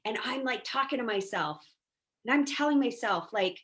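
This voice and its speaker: Female podcast guest, mindset coach; lively, talkative storyteller with a slightly high voice. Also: normal speed. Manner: chatty, animated storyteller, peppers speech with "like" and "right?". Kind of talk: casual podcast conversation.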